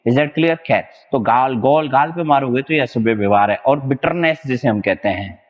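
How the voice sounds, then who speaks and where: A young man giving an exam-prep vocabulary lesson at a whiteboard, talking in a loose, joking way with a habit of repeating the same tag phrase. His voice sits at a middle pitch. It rings with a long, hollow echo and comes through a dull, lo-fi recording. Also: moderate pace. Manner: casual, repeats "right na" often, jokey memory tricks. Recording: dull, echoey lo-fi classroom recording.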